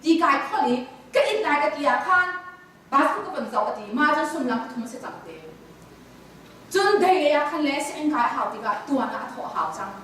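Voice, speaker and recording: A high-voiced woman gives a counseling lecture at a conference and puts questions to her listeners. She sounds far from the microphone, and her voice rings through a large, echoing hall with a faint hiss underneath. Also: lively intonation, brisk, fairly bright tone. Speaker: conference speaker.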